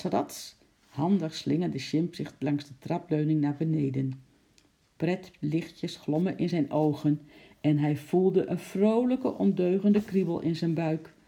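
Gravelly, dark storybook reader. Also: medium pitch. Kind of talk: children's storybook reading.

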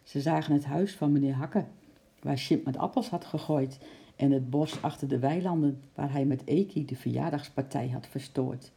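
A woman with a low, dark voice narrates a storybook chapter. Her tone is gravelly and mellow, and she reads in a calm, measured way. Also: slight background noise.

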